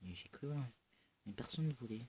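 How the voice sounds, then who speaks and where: A man with a southern French accent giving casual, excitable gaming commentary, often breaking into loud exclamations and swearing. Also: mid-range voice, brisk, slightly rough. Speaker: gamer.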